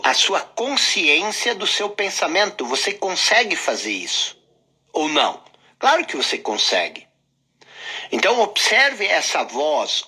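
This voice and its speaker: A man's voice: a little high, bright, forceful tone, breathy edge. A man giving a motivational self-help lesson. He speaks emphatically, repeats his phrases and addresses the listener directly. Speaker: teacher of a self-help course.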